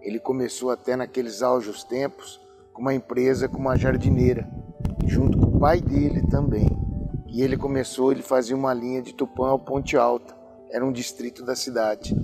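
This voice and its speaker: A man in his sixties from Brazil, a business owner speaking reflectively in an interview testimony, halting and restarting as he remembers. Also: medium pitch, steady tone. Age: 60s. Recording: music playing behind.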